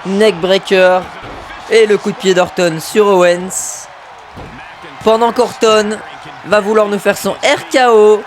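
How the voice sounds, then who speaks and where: Excitable high-voiced male game commentator. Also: takes it slowly, slight background noise. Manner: excitable, bursts into shouts at big moves, mutters asides to himself. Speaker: gamer commentating his own wrestling video game match.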